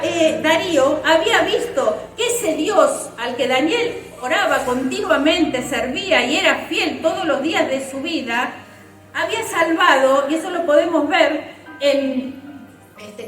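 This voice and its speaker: A woman's voice: sits high, fairly bright tone. A woman preaching a sermon in a church, fervent and emphatic. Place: church hall. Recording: roomy church hall, mic at a distance, faint music.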